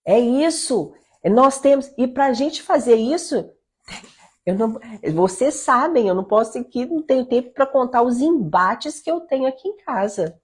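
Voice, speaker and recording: A woman's voice: a little high, expressive, moderate pace, slightly rough. A middle-aged woman giving informal devotional teaching to mothers from her home, earnest and exhorting. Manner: earnest, exhorting, quotes her own talks with her son. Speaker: leader of a mothers' prayer group.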